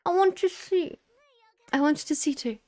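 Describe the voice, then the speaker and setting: A woman voicing an excited little girl with a squealing, breathy, high voice in a storybook reading. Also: moderate pace, close to an everyday voice. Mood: eager.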